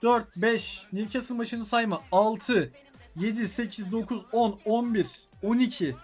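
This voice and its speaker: A young Turkish gaming YouTuber calls the action of a football video game in a let's-play on his own channel. His voice sits high for a man, and he's excitable, swinging between quick match calls and exasperated, frustrated outbursts at the game.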